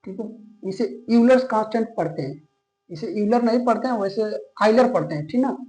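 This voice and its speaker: A man's voice: high-pitched, expressive, fairly quick, warm tone, poor audio. A man teaching a maths lesson, explaining step by step in a patient way, often stopping to check that students are following and mixing English maths terms into his sentences. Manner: patient, checks in constantly with "okay?". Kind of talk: classroom lecture.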